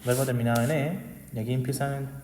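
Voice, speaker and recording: Teacher in an echoey room. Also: male voice, medium pitch, steady tone, quick pace, darkish tone. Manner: constant tag questions, patient explaining. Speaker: English teacher. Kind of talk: explanatory class recap video.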